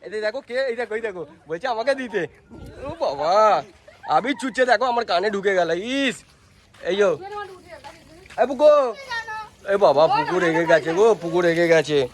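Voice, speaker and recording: A man's voice: high-pitched, expressive, normal speed, some chatter behind. A man vlogging a family Holi celebration outdoors, filming with a handheld phone and eagerly urging viewers to look. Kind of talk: casual vlog narration.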